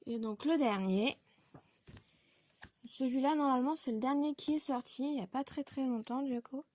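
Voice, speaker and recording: A woman vlogger showing her coloring supply purchases in a casual haul video, chatty and filling pauses with little connecting words. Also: high voice, darkish tone. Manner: chatty, fills pauses with donc and voilà.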